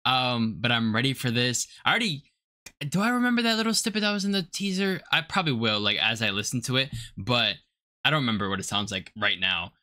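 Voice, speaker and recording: Excitable, gushing music reactor. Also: mid-range voice. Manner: excitable, playful, quick to gush and joke; casual slang, calls listeners bro. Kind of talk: casual reaction commentary. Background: song playing faintly.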